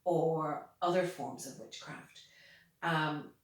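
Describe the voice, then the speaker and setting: Irish woman being interviewed, measured and slow, lowish voice, super echoey, far from the mic. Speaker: interviewee, pagan priestess. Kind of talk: reflective interview talk. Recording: very echoey room, distant mic.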